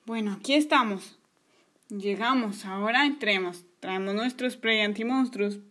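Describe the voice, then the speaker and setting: A woman voicing an earnest young boy in a toy story, thinking aloud slowly. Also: medium pitch, fairly bright tone, pitched below the performer's own voice, natural voice.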